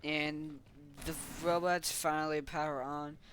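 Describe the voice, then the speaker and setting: Man telling a story slowly and rambling. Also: fairly high pitch, level tone, fairly bright tone, a little hiss or hum. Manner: rambling, slangy, many fillers. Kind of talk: casual storytelling.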